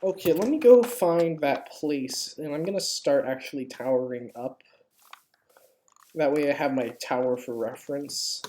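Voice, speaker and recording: A young woman plays a multiplayer block-building game, chatting casually and gushing in slang as a dramatic reading of gaming banter. Her low, warm, natural voice moves at a moderate pace, with keyboard clicks and a noisy room in the background.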